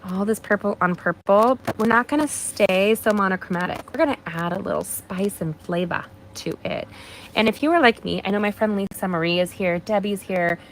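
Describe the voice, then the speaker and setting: Talking a little fast in her mid-range voice, a livestream host makes cards and chats, warmly encouraging viewers and addressing each by name. She sounds slightly nasal from mild allergies; the recording is rough, with slight background noise.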